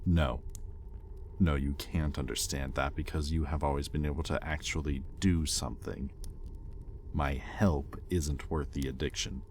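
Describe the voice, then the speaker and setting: Speaking unhurriedly with fairly even intonation, a man performs a very deep, brooding demon in scripted roleplay audio aimed at the listener. The character is a bitter, conflicted, possessive owner of a captive angel, and the mood is bitter confession, moving intensely between hushed admissions and heated accusation. Slight background noise is audible.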